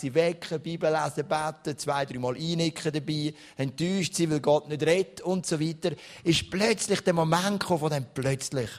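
A man with a Swiss German accent preaching a sermon in an animated storytelling way, swinging between soft and loud. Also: on the high side.

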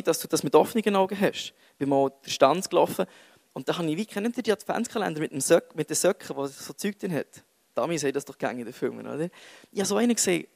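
A man's voice: sits high, gravelly, dry recording. A young man with a Swiss German accent giving a casual, self-mocking sermon full of jokey asides. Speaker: youth preacher.

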